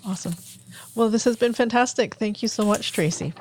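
A woman's voice: on the high side, fairly quick, darkish tone, slight background noise. A woman hosting a podcast interview, asking casual questions and giving brief affirming responses.

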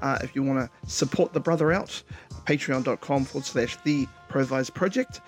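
A man's voice: medium pitch, moderate pace, soft background music. A man chatting casually and slangily as a podcast host. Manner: slangy, says bro often. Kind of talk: casual chat.

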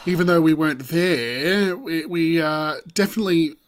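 A man's voice: fairly high pitch, moderate pace, slight background noise. Aussie guy podcast host, theatrical hellos, easy casual chat.

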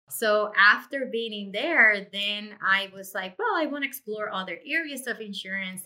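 Speaking at a medium pitch with a sharp tone, a middle-aged woman from Puerto Rico describes her own experience as an interview guest. She runs an insurance agency, and she tells her career story expressively and effusively in a conversational exchange.

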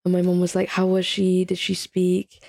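A lowish, gravelly, mellow voice belongs to a woman in her early twenties, a British-accented podcast guest from England who was raised partly in Italy and Saudi Arabia. She tells stories in a monotone at normal speed, chatting informally and saying "like" often.

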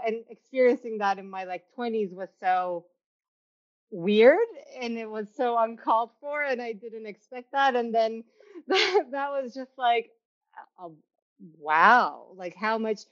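A woman's voice: a little high, animated, unhurried. Chatty young woman from Turkey. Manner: chatty, many restarts and fillers, laughs often. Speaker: podcast host. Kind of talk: casual interview chat. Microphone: video call. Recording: slightly dull, lo-fi sound.

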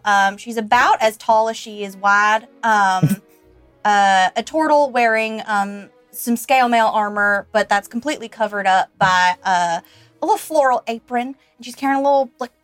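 A woman's voice: fairly high pitch, dry recording. A woman player casually describing her tabletop character, chatty with many fillers.

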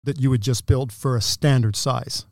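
A man's voice: mid-range voice, fairly even intonation, moderate pace, gravelly, a little mellow, dry recording. Brief: man from England, 60s, mid-range voice, detailed and assured, dry studio sound. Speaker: guest, window company owner. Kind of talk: casual interview talk.

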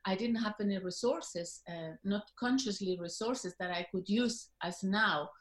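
A woman's voice: mid-range voice, echoey room. Spanish-accented woman in her fifties, reflective. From Spain. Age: 50s. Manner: reflective, halting with many fillers and restarts. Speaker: guest. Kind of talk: interview conversation.

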